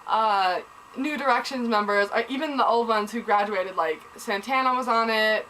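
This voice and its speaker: A woman's voice: a little high, normal speed, slight background noise, poor audio. Gushing young woman recapping TV. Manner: gushing, excitable, lots of "like" and "oh my god". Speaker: TV episode recapper. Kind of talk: casual chat.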